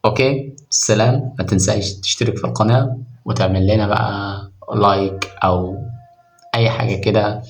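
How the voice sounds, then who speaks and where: A man's voice: lowish voice, steady tone, brisk, low-quality recording. A man with an Egyptian Arabic accent teaching English pronunciation in a casual, chatty way, talking to the viewer as a friend. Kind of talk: casual explanatory lesson.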